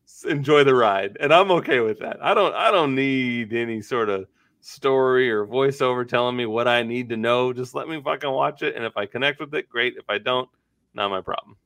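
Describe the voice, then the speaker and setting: A man's voice: medium pitch, brisk, fairly bright tone, clear, resonant tone, dry recording. A man co-hosting a podcast in casual chat, blunt and swearing freely. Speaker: podcast co-host.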